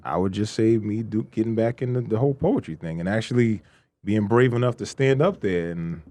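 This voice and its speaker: A young man co-hosting a podcast, joking and teasing with quick laughs. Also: lowish voice, animated, warm tone, no echo. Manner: joking, teasing, quick laughs, does funny quote voices. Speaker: podcast co-host. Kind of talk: casual chat.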